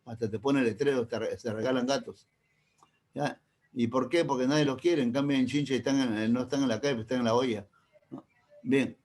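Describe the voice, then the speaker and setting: A man's voice: mid-range voice, fairly even intonation, a little fast, a little mellow. A male teacher with a Peruvian accent, giving a classroom lecture, often checking in with his students and explaining through everyday examples. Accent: Peruvian Spanish.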